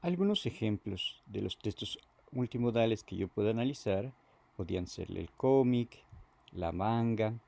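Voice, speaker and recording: Low, dark-voiced man teaching a lesson. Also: lively intonation, creaky. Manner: halting, repeats words, fills with "este". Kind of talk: lecture.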